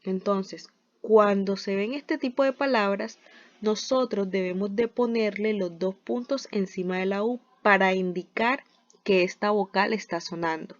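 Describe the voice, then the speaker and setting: A woman's voice: mid-range voice, unhurried. A woman teacher giving a scripted spelling lesson, explaining step by step with examples and often starting with "entonces". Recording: dull lo-fi recording.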